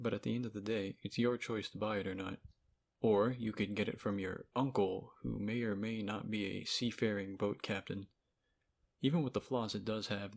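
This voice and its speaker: This man's voice sits on the low side and has a creaky quality. Reviewing games in a loose, opinionated video essay, he's sarcastic, swears, and keeps things informal, all captured on a cheap mic.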